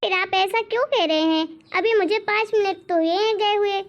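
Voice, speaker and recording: A woman's voice: very high voice, normal speed, highs cut off. A woman voicing a meek, dutiful young daughter-in-law in a cartoon story, polite and pleading. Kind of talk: animated cartoon voice acting.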